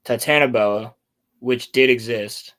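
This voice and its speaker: Male host, average pitch, casual chat, reading articles aloud, presenting to a co-host. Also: unhurried, fairly bright tone.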